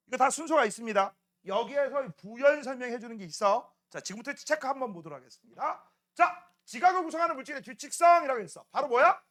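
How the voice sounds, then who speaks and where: A male science teacher giving a casual classroom lecture, checking in with students constantly and acting out little scenes in playful voices. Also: very high voice. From South Korea. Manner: acts out scenes in playful voices, shouts at times.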